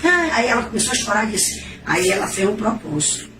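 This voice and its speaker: A woman's voice: mid-range voice, sing-song, fairly quick. A middle-aged woman, giving an emotional, repetitive religious testimony in a preacher-like manner. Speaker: testimony giver. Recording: echoey, distant, noisy.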